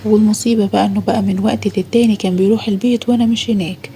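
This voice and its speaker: A woman's voice: medium pitch, fairly even intonation, very fast, warm tone, a little hiss or hum. A middle-aged woman with an Egyptian Arabic accent narrating a first-person audio story in a confessional, dramatic way.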